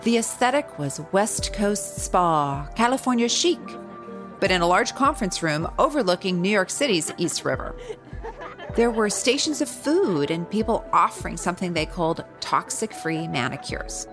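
Lively, wry woman podcast host. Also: on the low side, normal speed, over music. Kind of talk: scripted narration.

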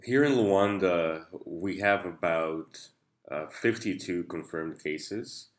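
A man's voice: sits low, slow pace. A man. He speaks as a guest in an interview, laying out explanations from his own line of work. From Angola. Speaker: interview guest, founder of a nightlife and tourism company.

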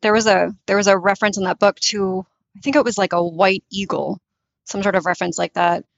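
A woman's voice: mid-range voice, fairly even intonation, brisk, creaky, dry recording. A woman, a literary translator speaking thoughtfully in an interview, often restarting to find the right words. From born in Tunisia, raised in the US. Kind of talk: reflective interview talk. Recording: dull lo-fi dry recording.

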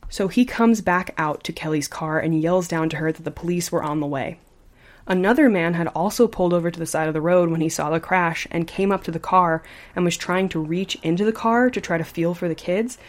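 A woman hosting a podcast, telling a true story in a casual, chatty way and sometimes adding "like.". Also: fairly low pitch. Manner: animated, chatty, says like often.

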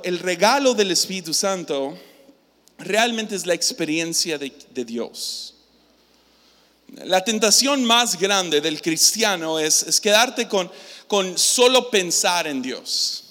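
A man giving a casual, jokey youth sermon, talking directly with the audience. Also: sits high. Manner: lively, jokey, interacts with the audience. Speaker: youth pastor. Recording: hall reverb.

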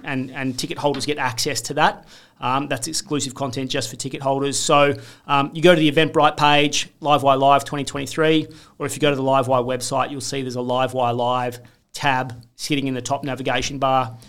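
A man's voice: mid-range voice, a bit bright. Eager man running through details. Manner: enthusiastic, talks in long runs with restarts. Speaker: co-host presenting an investor event. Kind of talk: casual podcast chat.

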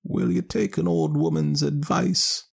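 A man plays a mysterious old wise woman in a fairy tale. She speaks in a raised, high voice, very slowly and deliberately, weighing each word. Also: steady tone, gravelly, slightly rough, full character voice. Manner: slow, deliberate.

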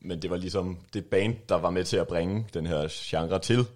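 A man's voice: sits low, a little mellow. A man presenting music in a casual studio chat, talking with frequent hesitations. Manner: hesitant, many fillers and laughs.

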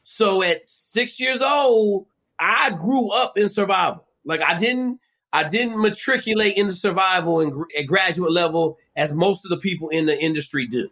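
A man who coaches football, telling stories as a guest in a profane, punchy, animated way. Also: sits high, normal speed. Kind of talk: casual storytelling.

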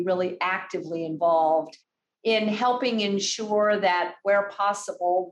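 A woman hosting a corporate podcast, speaking in a polished, effusive and measured way. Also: medium pitch. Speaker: podcast host. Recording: roomy echo.

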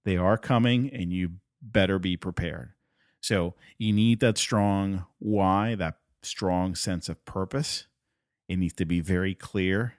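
A low, somewhat dark male voice, recorded dry with studio quality. He's a Puerto Rican man, a native Spanish speaker, hosting a solo motivational podcast and speaking with earnest emphasis, repeating points to drive them home.

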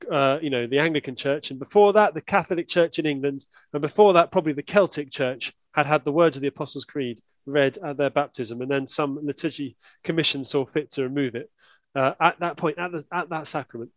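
A priest in casual conversation, starting sentences with hesitant restarts before landing firm views. His voice sits at an ordinary pitch and the recording is dry and close. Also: fairly quick, no echo. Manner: hesitant, stammers into opinions. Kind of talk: casual chat.

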